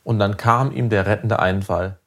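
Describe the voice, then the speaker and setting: A man narrating a children's story aloud in a lively, expressive way. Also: lowish voice, moderate pace. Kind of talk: audiobook storytelling.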